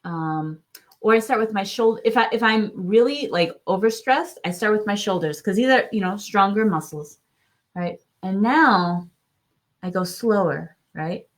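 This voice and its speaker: Soft-spoken woman gently guiding self-care. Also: medium pitch, a little slow. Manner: soft, soothing, often drops to a hush; frequent checking "right?", searching restarts. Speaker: wellness teacher.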